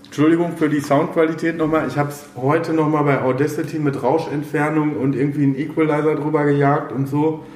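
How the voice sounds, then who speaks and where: A man hosting a podcast in a casual, halting way, thinking aloud as he chats. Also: a little high, steady tone, darkish tone. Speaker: podcast host. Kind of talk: casual chat. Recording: roomy echo, faint background noise.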